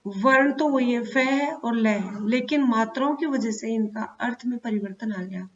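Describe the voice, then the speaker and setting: Female teacher for young children, fairly high voice, slow, sounds out each word, dull lo-fi recording. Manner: slow, spells out words sound by sound. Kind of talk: Hindi grammar lesson for children.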